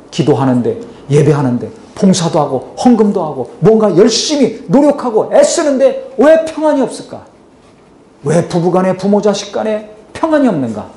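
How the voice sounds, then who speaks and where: A man's voice: high voice, warm tone. A male pastor preaching a sermon in church, pressing his points with rhetorical questions and calls to prayer. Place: church sanctuary. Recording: echoey church hall.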